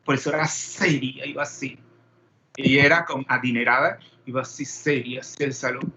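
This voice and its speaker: A man's voice: medium pitch, flat delivery, normal speed, highs cut off, background noise. A man teaching a chemistry class, peppering students with questions and wandering into digressions. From Panama. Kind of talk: classroom lecture.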